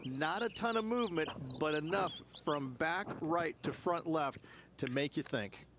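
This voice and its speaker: This golf commentator, a man serving as course analyst, sounds conversational and emphatic. He pitches on the high side, talks a little slowly in a near-everyday voice, and the recording carries clear background ambience.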